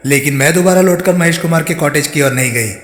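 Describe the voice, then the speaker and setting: A man's voice: fairly high pitch, fast talker, a bit bright, echoey room, in a large hall, close to an everyday voice. A man voicing a defensive young woman under suspicion, giving guarded, protesting replies.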